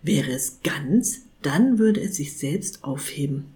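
A woman voicing a gentle, unworldly old male saint who speaks slowly, solemnly and kindly. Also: deep voice, animated, pitched below the performer's own voice. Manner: slow, solemn, pondering, kindly.

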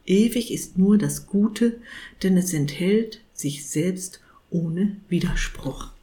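Woman playing an elderly male saint, dreamy and unworldly, slow and solemn, kindly, storybook figure. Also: fairly low pitch, dark tone.

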